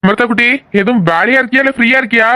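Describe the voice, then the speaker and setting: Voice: mid-range voice, rapid-fire, close to an everyday voice. A performer voicing a bold, joking young man in an audio drama, with a teasing, cocky manner. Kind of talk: amateur audio drama acting.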